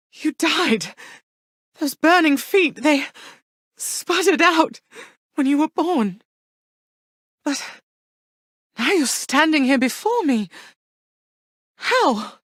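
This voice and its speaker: A woman's voice: mid-range voice, no room sound, clean studio sound. An actress voicing Persephone, a tender, proud goddess mother who speaks in formal, old-fashioned phrases. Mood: astonished. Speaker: game character voice. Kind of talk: game voice lines.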